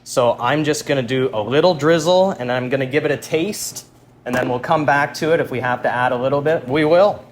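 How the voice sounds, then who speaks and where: A man with a mid-pitched voice hosts a cooking show. He chats informally through each step while he works. There is clear noise behind him. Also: a little fast. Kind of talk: casual cooking demonstration to viewers.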